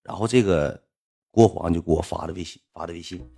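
A man with a Northeastern Mandarin accent tells a casual story in a low voice. He talks quickly, loops back on his own words and leans hard on fillers as he goes. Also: gravelly, dark tone, slightly rough. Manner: rambling, repetitive, full of fillers. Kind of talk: casual spoken anecdote.

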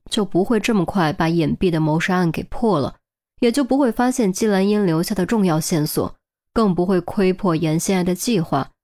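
A woman reading a serialized thriller aloud in an even, measured storytelling voice. Her pitch sits slightly low for a woman, giving the narration a grounded feel. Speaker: audiobook narrator. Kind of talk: scripted novel narration.

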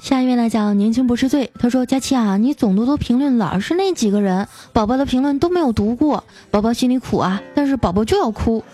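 A woman's voice: on the high side, expressive, quick pace, few pauses, dark tone, soft background music. A woman hosting a radio joke show, reading listener jokes aloud with playful, laughing asides.

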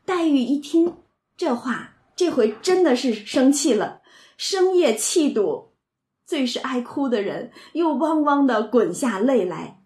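Her voice sits high yet carries a dark tone, expressive and unhurried, in a reverberant space. This woman, a literature commentator, retells scenes from a classic novel in a chatty way, dropping into characters' dialogue and leaning on frequent fillers.

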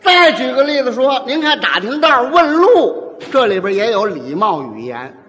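Lively high-voiced man in a reverberant hall. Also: moderate pace. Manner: lively, acts out quoted voices, chuckles often. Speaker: comic storyteller. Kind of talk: Beijing-style comic monologue.

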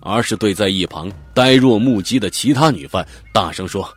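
A man's voice: on the low side, expressive, moderate pace, breathy edge, dry recording. A man narrating a dramatic audiobook, telling the story vividly and expressively. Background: faint background music.

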